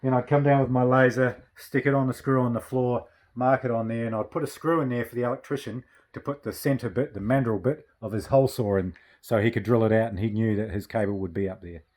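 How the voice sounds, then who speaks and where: A man's voice: medium pitch, steady tone, fairly quick, hardly any pauses, darkish tone. A man, a builder, casually explaining practical work step by step in a matter-of-fact way.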